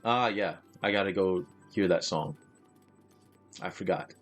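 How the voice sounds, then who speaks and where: Rambly guy streaming a game, chatty and unhurried, soft music behind. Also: low voice. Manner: rambling, with many fillers and restarts. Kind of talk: casual live gaming chat.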